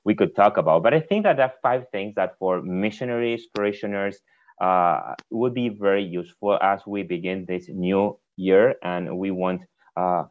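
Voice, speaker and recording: Low-pitched and at a moderate pace, this man's voice comes through with phone-quality sound. He is an Argentine native Spanish speaker, a priest being casually interviewed on a podcast, who often repeats words in mid-phrase.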